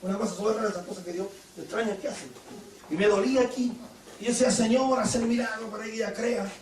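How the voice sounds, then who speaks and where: A Chilean man preaching a Pentecostal sermon, telling stories with laughter and sudden shouted praises. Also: high-pitched, steady tone, fast, distant mic, a crowd in the background. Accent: Chilean Spanish. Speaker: pastor. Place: church hall. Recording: echoey church hall, mic from afar.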